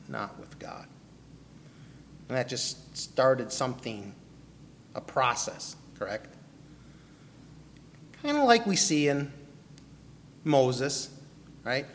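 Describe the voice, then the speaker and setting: In a long, reverberant hall, a pastor from Milwaukee preaches and tells his personal testimony, questioning the listeners and calling them by name. His mid-range voice has a fairly bright tone, and a little hiss or hum can be heard.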